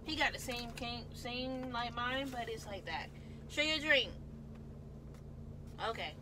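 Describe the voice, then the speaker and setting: A woman's voice: on the high side, slow, background noise. A young woman chatting casually to her viewers from a parked car, often trailing off with "so, yeah" and sinking into a mumble. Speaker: vlogger. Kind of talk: casual vlog chat. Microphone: phone camera held close.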